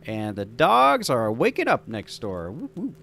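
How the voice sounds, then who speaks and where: Gravelly man rambling through game setup. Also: mid-range voice, huge pitch swings, measured pace, fairly bright tone. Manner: enthusiastic, rambling, thinks aloud. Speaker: game master building a scenario. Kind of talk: casual gameplay commentary.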